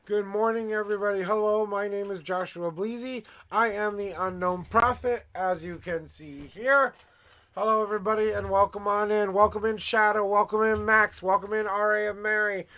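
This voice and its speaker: A man with a gravelly smoker's rasp, hosting a livestream as a tarot reader in casual, emphatic, effusive patter to viewers. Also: sits high, fairly even intonation, normal speed, bright, forceful tone. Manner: effusive, emphatic showman, repeating welcomes and promises.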